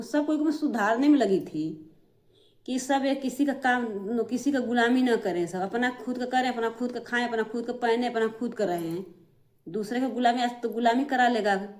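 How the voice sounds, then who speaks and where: A woman's voice: on the high side, darkish tone. A middle-aged woman, vlogging to camera and airing family grievances in an aggrieved, repetitive way. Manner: aggrieved, repetitive, addresses viewers directly. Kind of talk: emotional family complaint to camera.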